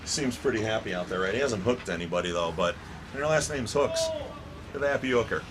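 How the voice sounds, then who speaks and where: Over a noisy background, a man with a lowish, expressive voice calls an amateur hockey game from the rink booth, speaking fairly quickly. As play-by-play announcer, he roasts the players with playful jokes.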